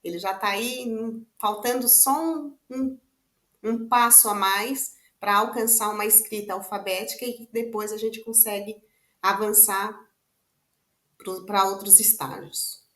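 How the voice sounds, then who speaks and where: A woman's voice: medium pitch, steady tone, unhurried, fairly bright tone, echoey room. A woman with a Brazilian Portuguese accent explains children's writing stages to parents in a conversational way, often adding tag questions. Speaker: literacy teacher. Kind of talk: explaining to parents with on-screen examples.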